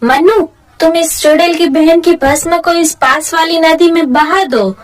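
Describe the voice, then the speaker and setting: A plucky magical boy hero gives bold orders in a high voice, as a woman acts him out. He takes charge of a cartoon fight with confident commands. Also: unhurried. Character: brave male magical helper boy.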